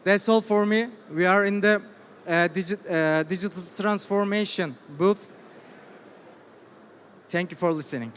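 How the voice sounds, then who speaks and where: A man with a Turkish accent presents a startup pitch in hesitant English. His voice is high for a man, and it rings through a big hall with long reverb. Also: unhurried, pauses often, a bit bright. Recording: reverberant hall with faint noise.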